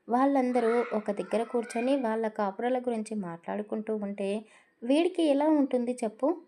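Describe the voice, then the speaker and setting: A woman doing a calm older farmer father. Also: on the high side, natural voice.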